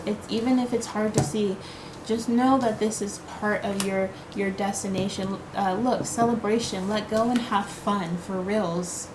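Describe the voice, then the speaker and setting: A woman whose first language is English offers her viewers a casual tarot card reading in a mid-range voice, with background noise audible. She keeps it chatty and reassuring, using many fillers and repeatedly checking "okay?"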